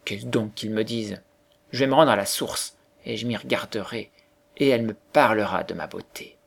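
Brief: man playing a haughty, cruel storybook boy, harsh and loud with a gravelly grain. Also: fairly low pitch, moderate pace. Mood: troubled. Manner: harsh, contemptuous, raised voice. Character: proud cruel boy, vain and scornful.

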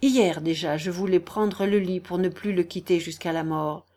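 A woman reading an audiobook, voicing a dying young man who speaks quietly, hoarse and weary. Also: lowish voice, normal speed, natural voice. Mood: weary calm. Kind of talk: audiobook character voice.

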